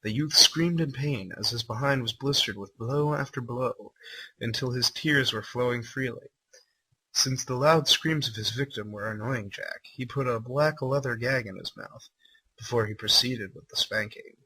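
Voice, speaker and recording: A man with a mid-range voice, pushed and bright, reads a story aloud at a moderate pace as a livestream host. He mixes dramatic narration with irreverent, incredulous commentary and swearing asides, over poor audio with a little hiss or hum.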